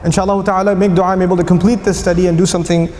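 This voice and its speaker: A man giving an emphatic, animated Qur'an lecture with storytelling, in a mosque or lecture hall. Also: sits high, very fast. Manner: animated, emphatic, acting out quotes. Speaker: Islamic lecturer. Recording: echoey hall, faint noise.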